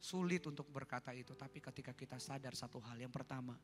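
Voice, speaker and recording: A man with an Indonesian accent preaching a sermon, telling a story to his congregation in a lively way. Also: mid-range voice, fast. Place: church hall. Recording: reverberant church hall with music.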